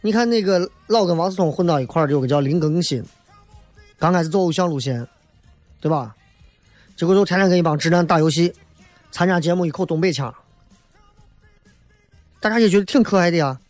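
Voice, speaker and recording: A man's voice: fairly high pitch, fairly quick, long pauses, no echo, faint music behind. A man hosting a talk show, giving a casual comedic monologue in a colloquial, emphatic way, often tossing in rhetorical questions.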